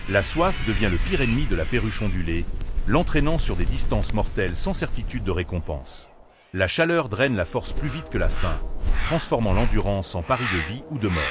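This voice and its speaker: A man's voice: on the low side, sing-song, normal speed, noisy background. A man delivering scripted wildlife documentary narration in a solemn, dramatic manner. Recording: narration over prominent music. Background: music.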